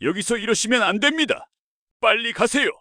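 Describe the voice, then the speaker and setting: A man's voice: high-pitched, lively intonation, normal speed, sharp tone, dry recording, studio quality. A man voicing a curt male security guard at a mansion gate who speaks in clipped, dismissive lines.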